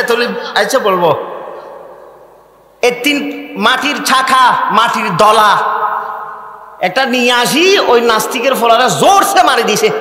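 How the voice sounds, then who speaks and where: A man from Chittagong, Bangladesh, with a Chittagonian Bengali accent, preaching a sermon as a story and asking the crowd questions that he answers himself. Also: very high-pitched. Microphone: microphone on a PA system. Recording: echoey hall reverb through a loudspeaker.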